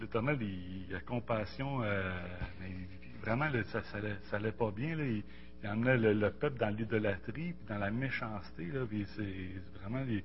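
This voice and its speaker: Halting Québécois man, muffled recording. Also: lowish voice. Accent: Québécois French. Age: 40s. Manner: halting, repeats words and restarts often, colloquial. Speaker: Bible study participant. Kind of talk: casual religious discussion with personal testimony. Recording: muffled lo-fi audio, faint hum.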